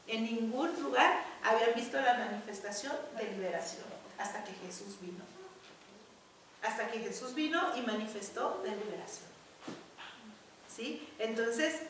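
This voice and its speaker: A woman's voice: a little high, fairly bright tone, slight background noise. A woman preaching a sermon to her congregation in a church, emphatic and often repeating her words. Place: large church hall. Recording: echoey church hall, mic far off.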